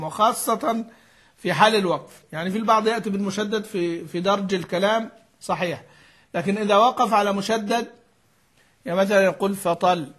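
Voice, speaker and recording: High-voiced sheikh explaining recitation rules. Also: male voice, fairly bright tone. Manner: explains patiently with questions to the class; mixes formal and colloquial speech. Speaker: sheikh teaching Quran recitation. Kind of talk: explanatory lesson on a classical text.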